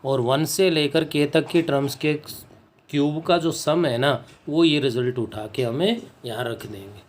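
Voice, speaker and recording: Slow, deliberate male maths teacher. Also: on the high side, a little hiss or hum. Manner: slow and deliberate, dictates English phrases word by word, checks in with students. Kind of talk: board-work maths lesson.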